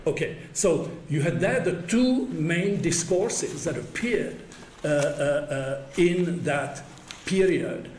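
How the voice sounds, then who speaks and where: A man's voice: a little high, takes it slowly, a little mellow. An older man giving an academic conference talk in a university room, hesitant with many fillers and wry chuckles. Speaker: conference speaker. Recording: echoey room, faint background hum.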